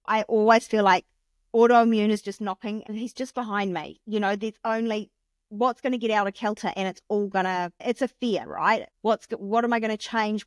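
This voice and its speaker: A woman in her late thirties, a podcast guest talking in a chatty, animated way with lots of fillers. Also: medium pitch, no echo. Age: 30s. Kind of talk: casual chat.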